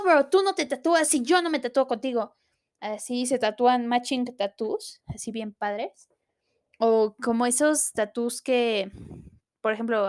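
Young Mexican woman, slightly high voice, casual playful vlog commentary with sudden high exclamations. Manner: chatty, animated, uses gender-neutral forms, bursts into high exclamations. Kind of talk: casual commentary reacting to a list of rules.

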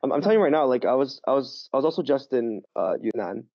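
A man with a medium-pitched voice chats as a podcast guest, a language teacher telling stories with animation and lots of fillers and quick restarts in a casual interview. The recording is dry and close, with a dull, muffled quality.

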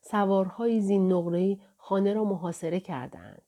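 A woman narrating a novel aloud in a steady, measured way, in the first person. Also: mid-range voice. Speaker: audiobook narrator.

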